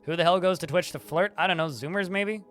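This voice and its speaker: A man streaming a game live, chatting to his viewers in a flat tone that some hear as annoyed. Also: high-pitched, fast talker, soft background music. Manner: chatty, rambling asides to chat. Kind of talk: live-stream gameplay commentary.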